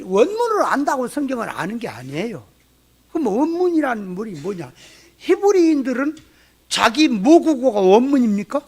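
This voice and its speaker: A pastor from Jeolla, Korea, preaches a sermon in a church sanctuary with a Jeolla accent. His voice is high with a breathy edge, and his folksy delivery is full of rhetorical questions aimed at the congregation.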